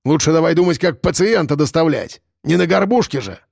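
A man's voice: a little high, expressive, a little fast, vocal fry, a little mellow, no room sound, studio quality. A man voicing a bossy, boozy unshaven local man who barks crude orders.

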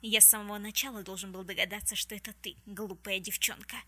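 A woman's voice: mid-range voice, steady tone, quick pace, bright, forceful tone. A woman reading the part of a cruel, bitter young man who hisses his threats. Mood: menacing whisper. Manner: menacing, hissing, bitter.

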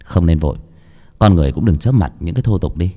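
A man voicing a calm, composed exorcist who gives brief orders in a ghost story. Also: deep voice, fast talker, voice pushed down.

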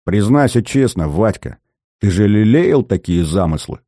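A man voicing a cheeky young male soldier, lively and mocking. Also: on the low side, unhurried, no echo, clean studio sound. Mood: teasing.

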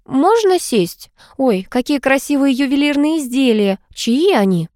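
A woman's voice: sits high, sing-song, measured pace, darkish tone, no room sound, clean studio sound, pitched above the performer's own voice. A woman voicing a pushy, quarrelsome middle-aged housekeeper who fires off indignant questions in an audiobook. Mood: curious.

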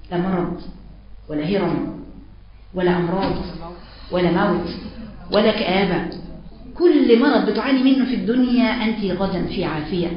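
A woman with an Egyptian accent giving a religious lesson, emphatic, speaking directly to women listeners and quoting verses. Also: mid-range voice. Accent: Egyptian Arabic. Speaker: religious preacher. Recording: very echoey, dull lo-fi sound.

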